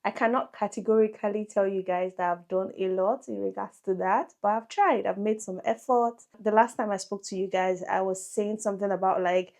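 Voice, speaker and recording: A young woman, chatting casually to camera as a lifestyle vlogger, full of quick self-amused asides. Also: medium pitch, steady tone, darkish tone. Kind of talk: casual vlog chat to camera.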